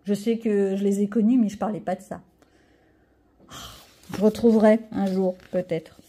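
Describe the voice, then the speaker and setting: Speaking in a dark-toned, mid-range voice with fairly even intonation and a moderate pace, a middle-aged woman vlogs about her coloring-book haul. Her chat to viewers is casual and rambling, sprinkled with self-mocking remarks.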